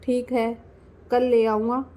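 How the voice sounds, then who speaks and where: Calm middle-aged father with dry, unhurried irony, a woman narrator voicing him. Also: a little high. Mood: wry.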